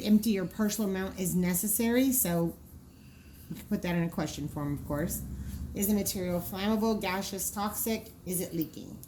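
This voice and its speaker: A woman with a warm tone and medium pitch walks through some draft training cards meant for dispatchers. As the trainer, she's informal and hands-on, explaining things and often musing out loud.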